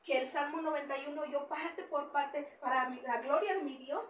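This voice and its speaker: A woman's voice: sits high, moderate pace. Lady pastor preaching, repeats herself, echoey church room, mic way off. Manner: animated preaching, repeats phrases, gestures with raised hands. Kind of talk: Spanish sermon with Bible reading. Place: small church hall indoors. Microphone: far camera, no mic. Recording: echoey room from far off with faint noise.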